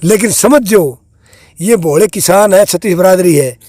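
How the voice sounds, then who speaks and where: A man's voice: high-pitched, moderate pace, darkish tone. A man, a farmer, speaking earnestly and with passion in a street interview. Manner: impassioned, earnest.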